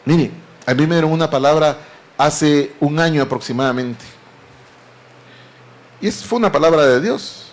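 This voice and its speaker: A man's voice: fairly high pitch, normal speed, pauses often. A man preaching a sermon, earnestly and often addressing the congregation as beloved brethren.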